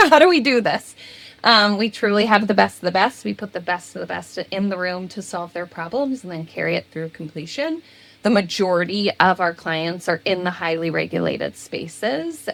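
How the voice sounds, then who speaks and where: A woman in her thirties answering interview questions as a guest, animated and laughing now and then between phrases. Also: on the low side, vocal fry. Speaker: guest, people and culture executive.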